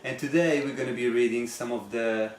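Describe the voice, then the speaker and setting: A man who teaches massage and hosts his own channel chats casually as a teacher, reading comments aloud earnestly and emphatically, with rhetorical questions. His mid-range voice keeps a fairly even intonation at a fairly quick pace. The room is echoey, with background music and slight noise.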